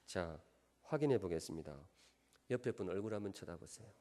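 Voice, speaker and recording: A middle-aged pastor from Gyeongsan in South Korea's Gyeongsang Province preaches in a large church sanctuary, his Gyeongsang accent coloring a low, warm, animated voice that moves briskly. He teases the congregation with questions and jokes, and the long reverb of the church hall trails after his words.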